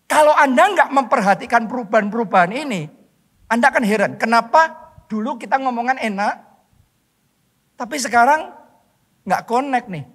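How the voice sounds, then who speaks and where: A male pastor from Indonesia preaching a sermon, stressing points loudly and then dropping to soft, drawn-out words. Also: very high voice, animated. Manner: emphatic, swings between loud stress and soft drawn-out words. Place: church hall. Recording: long hall reverb.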